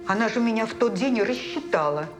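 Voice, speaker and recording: A woman's voice: on the high side, expressive, fast talker, music in the background, lightly acted. An actress playing a plain-spoken, hesitant servant woman in a period detective series. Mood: wary, recollecting. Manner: folksy, hesitant.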